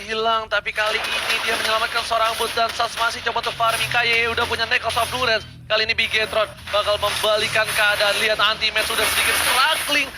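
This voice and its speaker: A man shoutcasting an esports match like a fighting game announcer, dramatically stretching and repeating words. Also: high voice, flat delivery, fast talker, few pauses, over music. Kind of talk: excited live game commentary like a fighting game announcer. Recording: clear background game noise.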